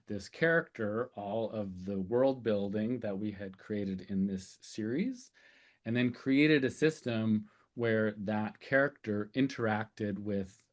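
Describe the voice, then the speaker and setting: Casual male presenter, slightly low voice, hesitant and conversational delivery, for a festival talk. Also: takes it slowly. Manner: loose and conversational, with many "um"s and "uh"s. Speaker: speaker and sessional lecturer. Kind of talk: conference talk.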